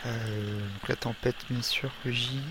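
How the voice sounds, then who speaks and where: A man narrating his own play of a horror video game, hesitant and halting, full of fillers and restarts. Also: medium pitch, steady tone, background noise. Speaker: gamer. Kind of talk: let's play commentary.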